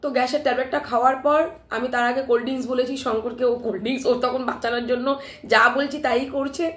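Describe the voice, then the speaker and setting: A woman retelling a personal scare to her live-stream viewers in an animated, emphatic way, often checking in with her listeners, while her throat is still sore. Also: high voice, very fast, roomy sound. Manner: animated, emphatic retelling with frequent "ঠিক আছে?" check-ins. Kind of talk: casual live-stream storytelling.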